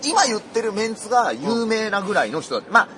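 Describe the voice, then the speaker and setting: A male comedian co-hosting a casual radio chat, telling stories rowdily with coarse slang and loud outbursts. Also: sits high, sing-song, fast, noisy background. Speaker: comedian co-host.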